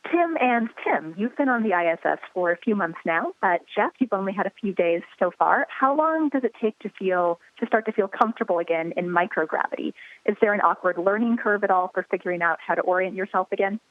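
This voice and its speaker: A woman's voice: medium pitch, animated, a little fast, dry recording, narrow, tinny audio. A woman journalist asking prepared interview questions over a phone or radio link.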